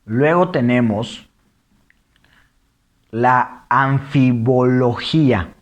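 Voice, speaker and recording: A man explaining diction errors in a lesson, reading example phrases slowly and then quickly. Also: mid-range voice, muffled recording. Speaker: teacher. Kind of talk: lecture on diction.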